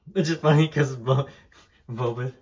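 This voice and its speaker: Giving a casual tour of his diecast collection, a young native Hokkien speaker from Taiwan rambles with frequent fillers and restarts. He has a mid-range, somewhat dark voice with fairly even intonation and a moderate pace.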